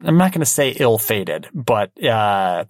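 A man co-hosting a casual podcast, talking in a relaxed, wry way with plenty of restarts. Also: lowish voice, measured pace, dry recording, studio quality. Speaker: podcast co-host. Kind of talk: casual chat.

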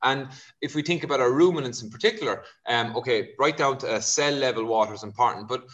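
A man with a west of Ireland accent from Kerry speaks as an expert guest. His voice sits at a medium pitch. He explains in a conversational, informal way, dropping in small asides as he goes. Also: fast talker, a bit bright, muffled recording. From County Kerry, Ireland.

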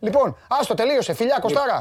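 A man's voice: very high voice, no echo, studio quality. A man hosting a football radio show, blunt and emphatic as he cuts into the debate to state his own view. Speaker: radio host.

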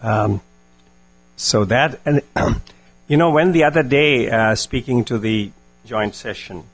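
An older man with an Indian accent giving reflective answers at a public talk, measured and solemn with long deliberate pauses. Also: mid-range voice, faint music behind, low-quality recording. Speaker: guest speaker.

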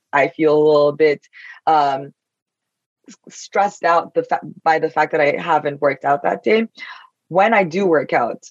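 A woman's voice: sits low, no room sound, dull audio. Thoughtful woman. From Turkey. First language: Turkish. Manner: thoughtful, searching for words. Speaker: podcast host. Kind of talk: casual podcast conversation.

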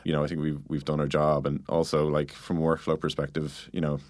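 In casual interview answers, a male product manager explains things informally, full of "like" and "you know." His voice is rumbling low and monotone with a darkish tone, and he talks fairly quickly. The recording is dry.

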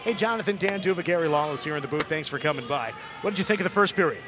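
A man's voice: a little high, expressive, racing. A man giving live hockey commentary as play-by-play announcer, with dramatic calls on big plays. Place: arena broadcast booth.

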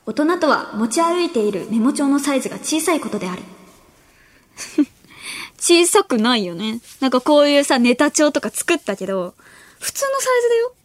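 A bubbly teenage woman hosting late-night radio, her high voice bouncing up and down as she chats and giggles through listener letters. She talks playfully, straight to her listeners, into a studio mic with a dry, close sound. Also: big pitch swings, normal speed, no room sound. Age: late teens. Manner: giggly, laughs often between remarks. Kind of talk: casual radio chat reading listener mail. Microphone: studio microphone.

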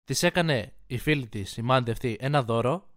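A man co-hosts a casual podcast, summing up and checking the details of the story. His pitch is ordinary for a man. The recording is dry and without echo. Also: a bit bright. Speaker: podcast co-host.

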